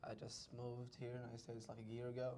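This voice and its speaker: A man's voice: medium pitch, completely flat delivery, fast, mellow, slight background noise. A young man from Palestine, a college student, answering interview questions casually with lots of "like". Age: young adult. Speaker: guest.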